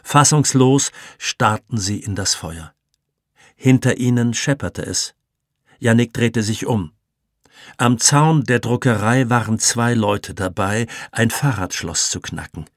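A man reading an audiobook as narrator, calm and measured. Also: medium pitch, no room sound, clean studio sound. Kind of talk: scripted narration.

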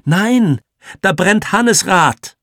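A man's voice: sits high, expressive, very slow, fairly bright tone, dry recording, clean studio sound, pitched above the performer's own voice, exaggerated voice. A man voicing a desperate, upset young boy in an audiobook reading. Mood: pleading. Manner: urgent, cries out. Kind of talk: audiobook character voice.

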